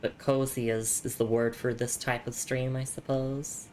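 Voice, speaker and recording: A woman's voice: a bass voice, flat delivery, a little slow, mellow, a little hiss or hum. A woman streaming a game with a sick voice, chatting casually, laughing often and reading messages aloud; she notes that her accent makes her hard to understand. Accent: non-standard English accent. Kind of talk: casual live gameplay chat.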